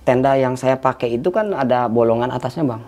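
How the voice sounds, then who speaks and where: A man's voice: mid-range voice, a little fast, a little mellow. A man casually recounting a frightening hiking experience, tensely imitating the eerie sounds he heard. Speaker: hiker telling a story. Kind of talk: casual storytelling.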